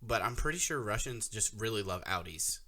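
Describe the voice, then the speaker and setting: A man chatting casually on a podcast and telling a long story with animated energy. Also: fairly low pitch, brisk. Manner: storytelling, animated, laughs often. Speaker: podcast co-host. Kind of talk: casual chat. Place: podcast recording, audio only.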